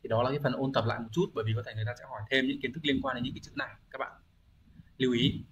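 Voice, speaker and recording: Male language teacher, mid-pitched, patient explainer recording an online exam-review class; thinks aloud, lots of "uh" and rhetorical questions. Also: very animated, rapid-fire, lo-fi sound, background noise. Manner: thinks aloud with frequent hesitation fillers.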